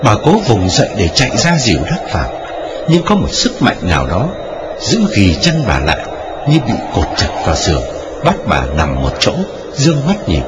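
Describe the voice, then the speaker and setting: A man's voice: wildly swooping pitch, normal speed, heavy background noise. Dramatic male ghost-story narrator. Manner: dramatic storytelling with wide swings in pitch. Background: music.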